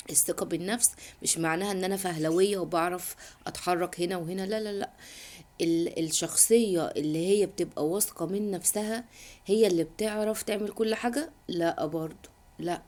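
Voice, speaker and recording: A woman's voice: fairly low pitch, darkish tone. A middle-aged woman with an Egyptian accent giving a casual motivational talk to women, chatty and repetitive with emphatic interjections. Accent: Egyptian Arabic. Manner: chatty and repetitive, many restarts and emphatic no's. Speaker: self-help vlogger.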